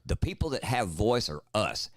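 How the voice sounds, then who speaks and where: A man's voice: on the low side, big pitch swings, normal speed, dry recording. A man co-hosting a political talk podcast, speaking emphatically and with passion. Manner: emphatic, impassioned ranting. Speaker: podcast co-host.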